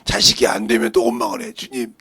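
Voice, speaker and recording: A male pastor preaching a sermon, swinging from shouted lines to hushed whispers. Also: on the high side, big pitch swings, normal speed, creaky, breathy edge, dry recording.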